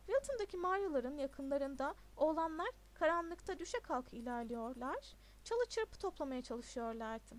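A woman narrating a novel aloud in an even, expressive storybook reading. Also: high-pitched, moderate pace, few pauses. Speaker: audiobook narrator.

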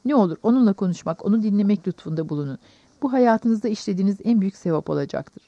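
A sarcastic, brusque gentleman, read by a woman. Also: animated, quick pace, dry recording, lo-fi sound. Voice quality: deep, mocking voice. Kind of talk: audiobook character reading.

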